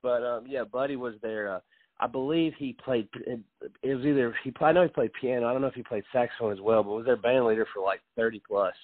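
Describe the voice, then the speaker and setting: A man interviewing a comedian, eager and friendly, with frequent laughs and halting restarts. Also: medium pitch, no room sound. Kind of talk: casual interview chat. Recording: tinny phone-line sound, dry.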